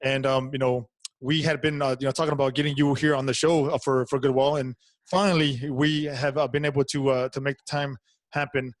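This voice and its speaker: A man's voice: mid-range voice, flat delivery, brisk, dry recording. A man hosting a podcast interview, friendly and a bit hesitant, with lots of filler words. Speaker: podcast host.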